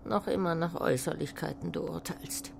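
A woman's voice: deep voice, normal speed, vocal fry, a little hiss or hum. A woman voicing an ancient alien guinea pig who plots to wipe out humanity and speaks in inverted word order. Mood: lofty.

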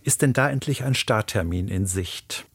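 A man presenting the radio news and putting measured, probing questions to a correspondent. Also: lowish voice, a bit bright, breathy edge, no echo.

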